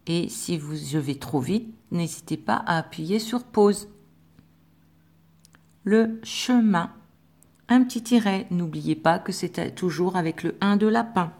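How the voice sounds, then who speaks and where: A woman teacher giving a slow, patient dictation lesson to young pupils, spelling out sounds with careful articulation. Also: lowish voice, a little mellow. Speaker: primary school teacher.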